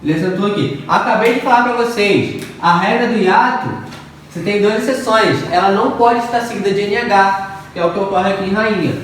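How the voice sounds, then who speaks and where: A man's voice: high voice, brisk, a bit bright. A man teaching a grammar lesson, working through exercises patiently, repeating the rules and checking in with his students often. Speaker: Portuguese teacher. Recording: echoey room, from far off, faint noise.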